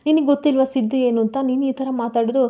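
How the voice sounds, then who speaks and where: A woman's voice: high-pitched, steady tone, quick pace, dark tone, lightly acted. A woman voicing an indignant middle-aged father defending his son in a serial recap.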